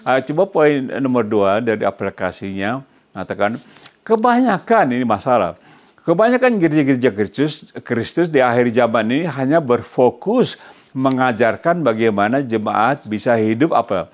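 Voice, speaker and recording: A man's voice: mid-range voice, animated, normal speed. A male pastor preaching a sermon who keeps quizzing his congregation mid-sentence and drops English phrases into his emphatic preaching.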